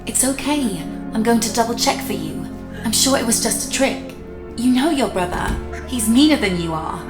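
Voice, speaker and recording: A woman's voice: a little high, animated, normal speed, pitched above the performer's own voice, close to an everyday voice. A woman voicing a frightened young woman in a horror story, urgent and panicked, over echo and music. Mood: reassuring.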